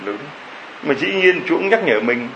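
A man's voice: a little high, animated, normal speed, gravelly, a bit bright, lo-fi sound, slight background noise. A man preaching a homily, telling a story and firing off rhetorical questions to the congregation.

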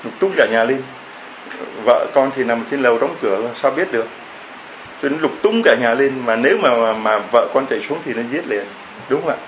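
A man's voice: mid-range voice, brisk, lo-fi sound, slight background noise. A man preaching a homily, telling a story and firing off rhetorical questions to the congregation.

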